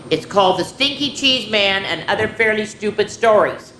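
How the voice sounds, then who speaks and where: A woman hosts an informal picture-book read-aloud and show-and-tell for children, playful and chatty with rambling asides to viewers. Her medium-pitched voice is expressive and a bit bright, at normal speed. The echoey room carries clear background noise.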